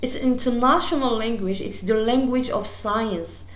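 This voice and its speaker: Lecturing in English at a university, this native Arabic speaker with an Algerian accent sounds hesitant, using lots of fillers and restarting often. Her voice is on the high side at a moderate pace, and the recorded lecture has an echoey room sound.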